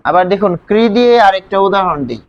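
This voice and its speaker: A man's voice: high voice, lively intonation, fast, vocal fry, muffled recording. A man teaching a grammar lesson, explaining step by step and asking his students questions as he goes. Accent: Bangladeshi Bengali.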